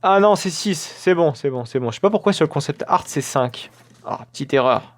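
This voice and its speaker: A man's voice: a little high, expressive, brisk. A man hosting a let's play, chatting casually as he builds in a game, with frequent filler sounds and self-corrections. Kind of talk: casual gameplay commentary.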